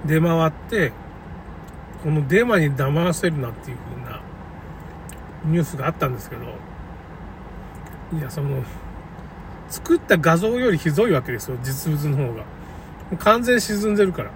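A man's voice: fairly high pitch, lively intonation, normal speed, pauses often. A man giving a casual, unscripted monologue in a rambling, opinionated and conversational way. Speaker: commentator recounting a local flood. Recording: noisy, distant mic, car and outdoor ambience.

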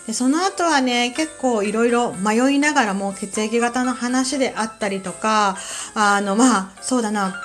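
A woman from Kansai with a Kansai accent, hosting a relaxed solo talk show with a calm manner and many soft fillers. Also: fairly high pitch. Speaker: podcast host.

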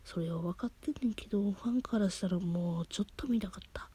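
A woman with a Kansai accent, talking softly in a whisper at home late at night, rambling as an emotional fan after crying. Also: medium pitch, fast, breathy edge. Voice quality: soft, whispery. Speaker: podcast host. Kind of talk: casual late-night monologue.

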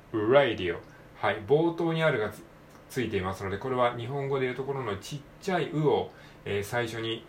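Japanese-accented male tutor, low voice, slow patient drilling, solo practice lesson. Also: slight background noise. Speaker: English pronunciation teacher.

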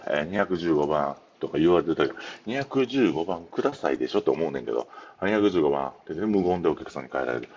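Deep-voiced Kansai man telling stories. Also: creaky, lo-fi sound, a little hiss or hum. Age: middle-aged. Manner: chatty, meandering storytelling. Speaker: podcast host. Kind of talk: casual solo talk.

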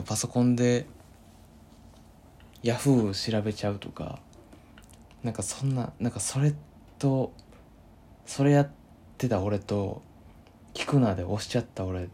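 A young man with a Kansai accent who hosts his own solo talk show and drifts along in an easy, rambling way. He fills his talk with hesitations and corrects himself often. His voice sits low and gravelly, with a dark, mellow tone. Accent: Kansai Japanese. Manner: rambling, many filler words and self-corrections. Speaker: solo podcast host. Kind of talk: casual solo chat. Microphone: home voice recording app.

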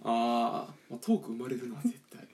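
A man's voice: medium pitch, moderate pace. A man from eastern Japan co-hosting a casual chat show, telling a story with lots of energy and acting out other people. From Kanto region of Japan. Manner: animated ranting storyteller, acts out customers. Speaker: podcast co-host.

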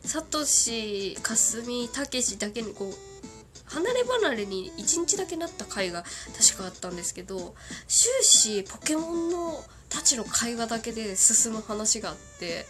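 A woman's voice: a little high, big pitch swings, normal speed, music in the background. Giggly woman host with a cold. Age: 30s. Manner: giggly, chatty, doing cartoon character impressions. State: has a cold, sniffling. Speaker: radio show host. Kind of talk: casual solo radio chat.

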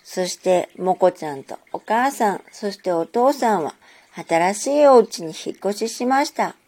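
A woman narrating a children's story in a gentle, measured storytelling manner. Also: mid-range voice, lively intonation.

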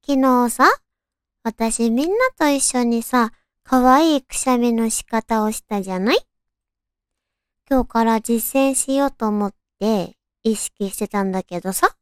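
A woman's voice: fairly high pitch, measured pace, clean tone, no echo, studio quality. A woman hosting a casual solo radio show, with a naturally cute, girlish anime-like voice and a chatty way of talking. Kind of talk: casual solo radio talk with read-out listener stories.

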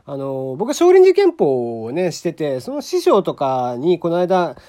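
A man from Kagoshima hosts a relaxed solo podcast and keeps it chatty and loose. His pitch rises and falls freely while he talks. He laughs often and leans on fillers. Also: unhurried. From Kagoshima, Japan. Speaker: podcast host. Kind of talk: casual solo podcast talk.

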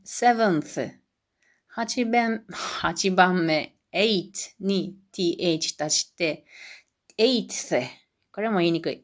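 A woman with a Kansai Japanese accent hosting a solo podcast lesson, drilling numbers in Japanese and then English and chatting in a self-deprecating way. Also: fairly low pitch. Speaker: podcast host teaching English.

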